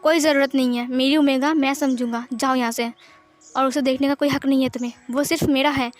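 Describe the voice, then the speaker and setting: A woman's voice: sits high, fairly even intonation, fairly quick, close to an everyday voice. A woman voicing a possessive, hot-tempered young man who speaks in a stern, commanding way.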